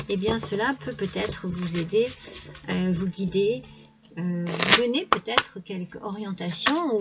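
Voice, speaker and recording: A woman speaks to her viewers as she lays out tarot cards, in a friendly chatty way that keeps stalling on fillers and restarts. Her voice sits at an ordinary middle pitch for a woman. The recording is a little dull and lo-fi. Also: very noisy. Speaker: tarot reader. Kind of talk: casual tarot reading to camera.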